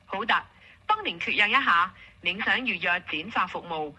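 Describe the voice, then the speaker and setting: A woman's voice: mid-range voice, lively intonation, normal speed, bright, forceful tone, breathy edge. A woman with a Hong Kong Cantonese accent speaking as an automated booking assistant, in polite, formulaic scripted customer service.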